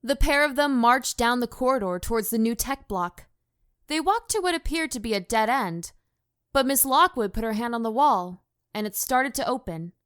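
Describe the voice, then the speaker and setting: A woman's voice: fairly high pitch, expressive, moderate pace, a bit bright, clean tone, no echo, studio quality. Woman narrating plainly. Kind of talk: scripted narration.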